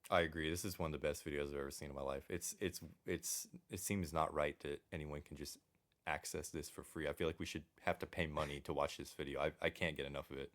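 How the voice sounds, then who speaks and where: A man with a strikingly deep, bassy voice co-hosts a casual podcast. He sounds laid-back and chats informally, often in short phrases of agreement. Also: fairly even intonation, fast, fairly bright tone. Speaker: podcast co-host. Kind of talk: casual chat.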